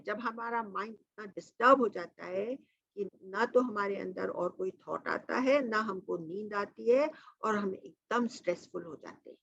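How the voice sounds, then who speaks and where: A woman spiritual teacher leading an online satsang over a video call, mixing Hindi with English and slowly chanting a mantra between her explanations. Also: a little high, pushed and bright, dry recording.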